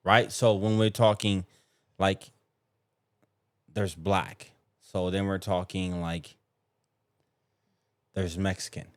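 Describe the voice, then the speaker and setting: A man who is a podcast guest, talking casually with lots of restarts and sudden jumps in pitch when he gets worked up. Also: takes it slowly, long pauses, clear, resonant tone, dry recording. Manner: hesitant, many fillers and restarts, jumps up in pitch when excited.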